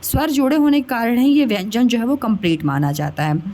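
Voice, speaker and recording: A woman's voice: fairly high pitch, brisk, a little mellow. A woman teacher patiently explaining a grammar lesson to children step by step, often checking that they understand. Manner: addresses listeners as children.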